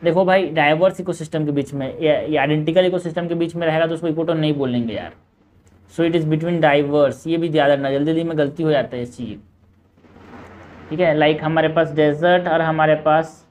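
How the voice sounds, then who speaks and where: A man working through exam quiz questions. He reads each question slowly, then explains it quickly in a casual tone, often saying "bhai" and "yaar". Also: a little high. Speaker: exam prep teacher. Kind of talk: solving quiz questions aloud.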